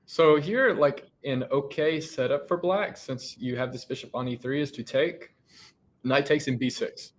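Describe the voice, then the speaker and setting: A man's voice: mid-range voice, a little slow, rough recording. A man commentating a chess game live, thinking aloud and often restarting his sentences.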